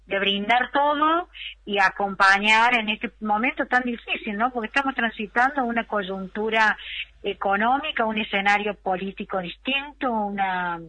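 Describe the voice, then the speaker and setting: A woman's voice: medium pitch, moderate pace, pushed and bright, poor audio. A middle-aged woman with an Argentine accent, a municipal culture official talking as a guest in an interview, hesitant and full of fillers. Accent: Argentine Spanish.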